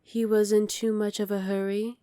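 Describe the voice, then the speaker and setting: This woman speaks at a moderate pace in a dark, medium-pitched voice with little pitch movement, portraying an evil sorceress queen in ASMR roleplay. Lightly acted and coolly imperious, she commands, condescends and threatens with quiet menace. Clean studio sound, no echo.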